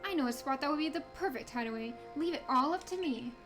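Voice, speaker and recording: Girl reading as sly game merchant guy, smooth polite sales talk, high voice. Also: expressive, quick pace, fairly bright tone, soft background music. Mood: sly, obliging. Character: sly, obliging male travelling merchant from a fantasy game. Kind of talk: reading game dialogue in character.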